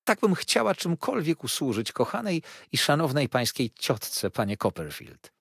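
A fawning landlady coos servile offers in a raised, sing-song voice, played by a male narrator. The tone is husky and dry. It suits a storybook audiobook. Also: on the high side, big pitch swings, moderate pace, no room sound, pitched above the performer's own voice, exaggerated voice. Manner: sugary and servile. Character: fawning, overly polite landlady, middle-aged woman.

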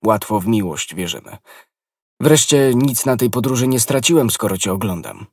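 An ardent nobleman pours out his devotion in a low, breathy voice, as a male narrator plays him. The delivery is impassioned and heartfelt. The sound is close and dry. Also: expressive, normal speed, a little mellow, dry recording, recorded from a distance. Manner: passionate, impassioned declarations. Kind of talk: audiobook character reading.

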